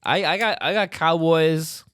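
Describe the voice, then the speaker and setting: A man's voice: a little high, measured pace, a bit bright, clear, resonant tone, no room sound, clean studio sound. A man in casual sports banter on a podcast, brash and joking, teasing and swearing as he goes.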